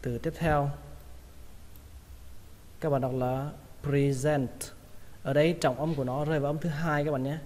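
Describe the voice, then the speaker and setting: A man's voice: fairly high pitch, flat delivery, darkish tone, in a large hall. Man teaching English words with a Vietnamese accent. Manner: repeats each word slowly several times. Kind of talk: pronunciation lesson.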